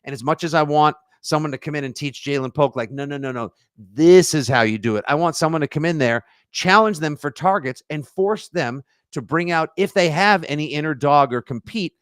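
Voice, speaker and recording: Animated jokey man on a podcast. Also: fairly high pitch, brisk, few pauses, dry recording, clean studio sound. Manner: animated, jokey, slips into silly voices. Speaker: podcast co-host. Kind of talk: casual sports podcast chat.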